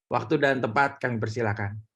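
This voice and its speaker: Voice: medium pitch, fairly even intonation, a little fast. A host of a church service giving a polite, formal introduction with some hesitant fillers.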